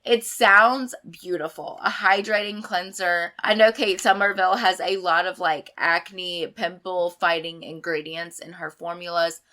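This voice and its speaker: A young woman reviewing a beauty box in a chatty, emphatic way, hoarse and sick with a sore throat. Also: on the low side, fairly even intonation, measured pace, few pauses, pushed and bright. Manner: chatty, emphatic, rambling asides. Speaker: beauty vlogger. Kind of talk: casual unboxing review.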